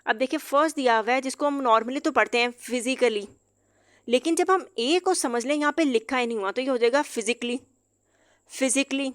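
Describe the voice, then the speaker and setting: Speaking in a somewhat high, fairly bright voice, this English teacher gives a patient, explanatory lesson and carefully repeats each example word at a slow pace. There's little room in the close, dry recording.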